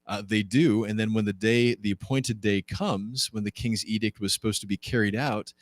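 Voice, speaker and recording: A man's voice: moderate pace, dry recording. A man, a pastor leading a Bible class, retelling a story conversationally, asking the class rhetorical questions and acting out quoted lines. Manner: conversational and animated, acts out quoted lines with jumps in pitch.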